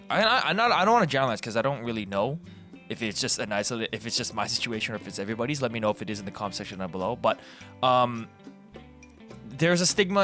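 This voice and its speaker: With a bright, forceful tone on the low side, a Canadian video host rambles casually over guitar music. He drifts into tangents and corrects himself, much like a laid-back commentary channel presenter.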